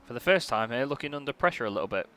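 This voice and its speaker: Rapid-fire and forceful, this male motorsport commentator has a bright, medium-pitched voice as he calls a live online sim race. His style is casual and chatty, turning excitable when incidents happen. Car engine noise sits behind him, making the recording noisy.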